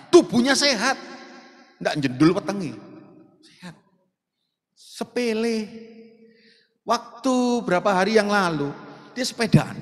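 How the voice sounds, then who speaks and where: A male preacher with a Surabaya Javanese accent delivers an animated sermon, his high voice rising and falling widely. He talks directly to the congregation and drifts into local dialect. The sound carries a long reverb from a church hall. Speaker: pastor. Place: church sanctuary.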